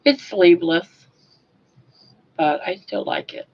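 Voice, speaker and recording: An older woman with soft, toothless articulation from a sore mouth, chatting casually and a little self-consciously on a livestream in a rambling way. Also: on the low side, animated, slow pace. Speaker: livestream host. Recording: dull lo-fi webcam or phone audio.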